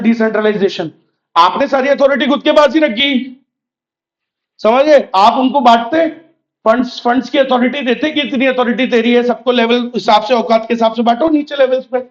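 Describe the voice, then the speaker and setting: A man's voice: very high-pitched, normal speed. A man teaching an exam revision lecture who asks his students questions and answers them himself, in a chatty teacherly way. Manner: conversational teacher, mixing in memorisation drills. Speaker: commerce exam tutor. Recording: roomy, slightly dull lecture recording.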